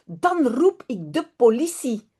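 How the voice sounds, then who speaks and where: A fretful little storybook boy, as a teacher reads him aloud asking wide-eyed questions. the voice swoops up and down a lot, with a soft mellow tone and an unhurried pace. simple classroom read-aloud feel. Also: a little high, very animated, husky, full character voice. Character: little boy, curious and anxious.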